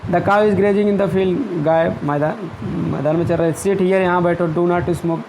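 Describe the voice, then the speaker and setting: A man with a fairly high, darkish voice gives a grammar lesson in a steady tone, working step by step through everyday examples and reading sample sentences slowly. He checks in with "ठीक है" and "clear". The recording is low quality, with a faint background hum.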